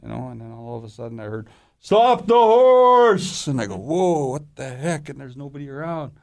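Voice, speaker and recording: A man with a gravelly voice tells stories in a relaxed interview. He acts out what other people said as he goes. The sound is dry and close. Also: mid-range voice, fast, no room sound. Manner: animated storyteller acting out quoted voices. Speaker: guest, actor and stuntman. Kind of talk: casual storytelling interview.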